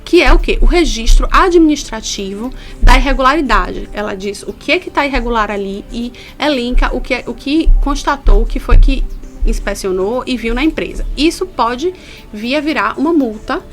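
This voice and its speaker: A Brazilian woman with a fairly high voice gives a radio interview from a studio as a labor inspector. She explains patiently and earnestly, leaning on key points. Faint music plays softly behind her. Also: lively intonation, moderate pace.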